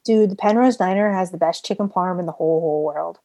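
Woman, casual podcast chat, animated storyteller, curses, dry studio sound. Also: lowish voice, fast, no echo. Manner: animated storyteller, swears freely.

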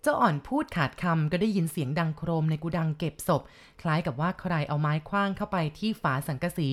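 A woman reading a horror novel aloud as a storyteller, steady and dramatic. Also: lowish voice, quick pace.

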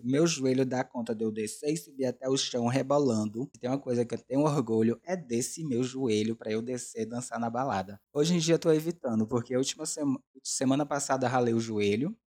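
Mellow, dark-voiced young Brazilian man. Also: mid-range voice, a little fast, few pauses. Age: 20s. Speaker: podcast host. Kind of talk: casual confessional chat.

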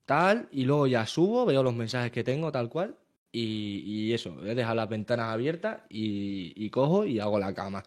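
Young Spanish streamer, casual chat, animated, repeats himself, mid pitch. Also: male voice, normal speed. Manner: animated, repetitive, restarts often. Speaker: streamer and podcast co-host.

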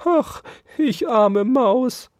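A storyteller voicing a poor, self-pitying female field mouse who pleads and wails in a very high, strained voice. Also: expressive, very slow, dry recording, clean studio sound. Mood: wailing.

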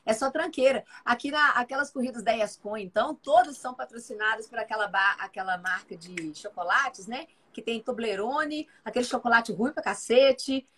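A woman's voice: a little high, normal speed, hardly any pauses, a bit bright, husky. A woman co-hosting a casual live chat as a nutrition mentor, talking in a chatty, emphatic way and repeating her phrases.

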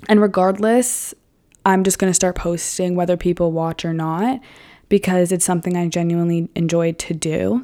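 With a fairly low pitch and dark tone, a woman vlogger in her early twenties addresses her viewers in a chatty, candid way. She swears freely and fills her talk with "like."

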